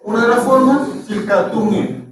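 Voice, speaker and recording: Man, patient teacher, high voice, very echoey room, far from the mic. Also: big pitch swings, normal speed. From Chile. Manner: patient, checks understanding with frequent "¿cierto?". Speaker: language teacher. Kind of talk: online class explanation. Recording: echoey, distant from the mic, faint noise.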